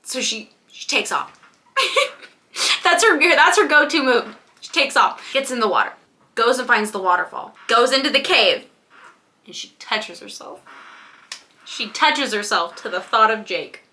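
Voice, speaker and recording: A young woman casually recapping a romance novel plot while doing her makeup, chatty and animated. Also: on the high side, normal speed. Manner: chatty, animated retelling with quoted voices. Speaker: book vlogger.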